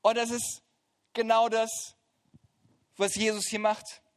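A middle-aged man preaching a sermon, retelling scripture as a lively story with casual, joking asides. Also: high voice, slow.

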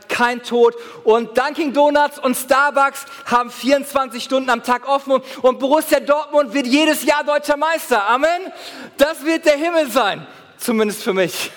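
Pastor, male, high voice, delivering an animated sermon in a church hall with a long reverb. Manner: animated preaching with acted-out gym anecdotes.

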